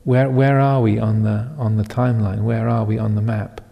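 A Buddhist monk in his fifties giving a Dhamma talk, reflective and halting, with many pauses and soft chuckles. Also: lowish voice, flat delivery, gravelly, muffled recording. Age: 50s. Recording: long hall reverb.

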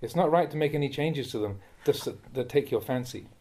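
A man, a monk, reading a Dhamma talk aloud in a measured, admonishing way that rises sharply when he scolds. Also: medium pitch, a little mellow. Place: monastery.

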